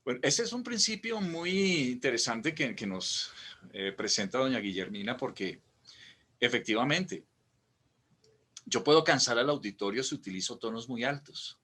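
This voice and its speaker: Husky man teaching voice tips on a video call, bright tone, bouncy pitch. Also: lively intonation, normal speed. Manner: explanatory, demonstrates preachy high and sleepy low voices. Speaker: workshop co-host.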